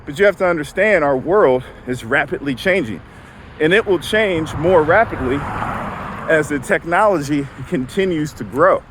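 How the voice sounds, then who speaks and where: A man's voice: on the high side, expressive, normal speed, noisy background. A man talking casually while walking outdoors, out of breath and sighing between phrases. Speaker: vlogger. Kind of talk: casual walk-and-talk vlog.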